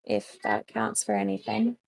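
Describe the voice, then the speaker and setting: A woman voicing an earnest holy adventurer in a tabletop game, with a gravelly edge. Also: mid-range voice, sing-song, unhurried, darkish tone, no room sound, exaggerated voice, rough recording.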